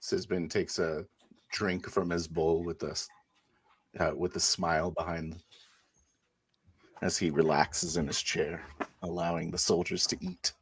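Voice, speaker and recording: In a tabletop roleplaying game, a man voices a pious, refined inquisitor priest, improvising dialogue and narration in a hesitant, insinuating way. His low voice stays level and a little slow, with long pauses and a breathy edge.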